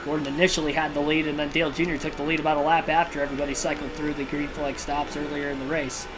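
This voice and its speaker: A man with a slightly high voice calls a video game race at a fast clip, and the recording is rough. He's a livestream host and race commentator doing realistic play-by-play, keeping a steady broadcaster tone while dropping in personal asides. Game music can be heard clearly behind him.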